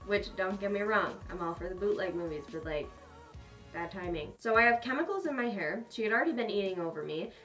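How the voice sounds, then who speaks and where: A young woman vlogger casually telling a personal story, chatty and animated, with sarcastic asides. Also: medium pitch, a little fast, distant mic, soft background music.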